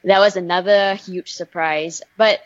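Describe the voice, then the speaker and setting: A chatty young woman from Malaysia tells stories in a casual interview, animated and quick to laugh. The sound is dull and muffled. It is very dry, with no room around it. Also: on the low side, no echo. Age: young adult. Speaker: singer guest.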